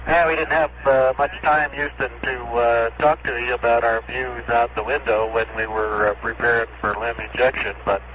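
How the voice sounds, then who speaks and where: A man's voice: mid-range voice, steady tone, moderate pace, hardly any pauses. A man speaking as an astronaut over a crackly space-to-ground radio link, in clipped radio procedure, reading numbers back. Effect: crackly space-to-ground radio transmission, archive recording.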